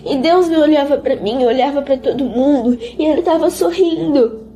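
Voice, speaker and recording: A woman giving an emotional religious testimony in an interview, speaking in a halting, repetitive way and often close to tears. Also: high voice, mellow, muffled recording.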